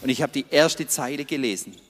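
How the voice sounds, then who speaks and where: A man interpreting a sermon live and phrase by phrase, matching the preacher's swings between soft and loud. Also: mid-range voice, expressive. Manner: rapid, follows the preacher's swings in volume. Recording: long hall reverb.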